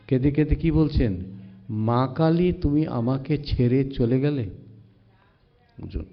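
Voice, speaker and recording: A monk giving a devotional sermon, reciting verses slowly and retelling sacred stories in a measured way. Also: male voice, mid-range voice. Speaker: monk giving a spiritual discourse. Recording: slightly dull lo-fi recording.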